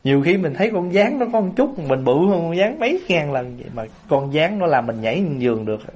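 A man giving a Buddhist sermon to an assembly, telling lively everyday stories. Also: on the high side, fairly quick, husky. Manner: lively storyteller, acts out everyday scenes with laughter. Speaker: Buddhist monk giving a Dharma talk.

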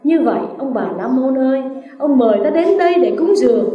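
A woman with a Southern Vietnamese accent voicing the Buddha as a calm, gentle man speaking in measured words. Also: sits high, highs cut off. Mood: serene. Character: calm wise male Buddha teacher. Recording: roomy, distant mic.

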